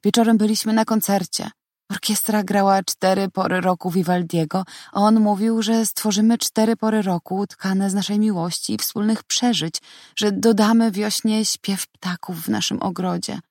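A young woman narrating an audiobook story in the first person, in a calm and measured way. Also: medium pitch, no room sound, studio quality.

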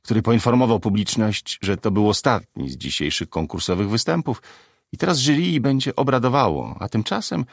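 A man reads a story aloud in a low, lively voice that moves up and down freely with the action. The recording is dry and close, with no room sound. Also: normal speed, creaky, no echo. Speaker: narrator. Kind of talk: audiobook narration.

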